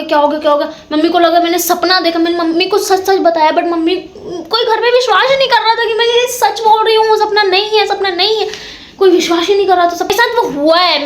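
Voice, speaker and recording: A young woman casually telling a ghost story of her own, dramatic and repeating words for suspense. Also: very high voice. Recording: echoey room.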